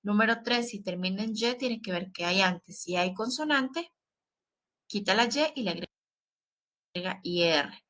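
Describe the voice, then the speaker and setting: A woman with a bright, clear voice teaches an English grammar lesson. She speaks patiently and repeats her points often, checking in with her listeners after each rule. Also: mid-range voice, a little slow, pauses often. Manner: patient, repetitive, stresses warnings with frequent "¿sí?" check-ins.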